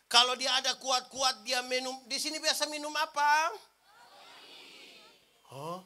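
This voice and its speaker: Brief: man, Ambonese Malay accent, very high sharp voice, preaches loud and jokey to the congregation. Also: unhurried. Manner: shouting questions to the crowd, joking. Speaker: pastor. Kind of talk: lively sermon to a congregation.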